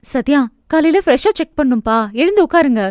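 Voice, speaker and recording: An eager young wife in her late twenties, hopeful and pleading, as a woman reader puts her on. Her voice is high and bright, and the sound is dry and close to the mic. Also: lively intonation, a little fast, dry recording. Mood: fussing. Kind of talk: audio novel character voice.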